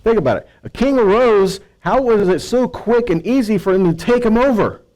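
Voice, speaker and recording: Reading Bible verses and explaining them in sermon-like fashion, an American man preaches conversationally, posing rhetorical questions and tagging lines with "right" and "okay." He has a high, darkish voice with lively intonation at a moderate pace. The recording quality is low.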